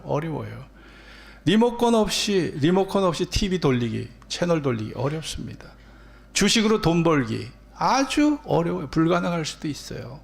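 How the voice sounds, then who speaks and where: A male pastor giving a Sunday sermon in a church, repeating phrases and prodding his listeners with quick questions. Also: fairly high pitch, gravelly. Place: church sanctuary.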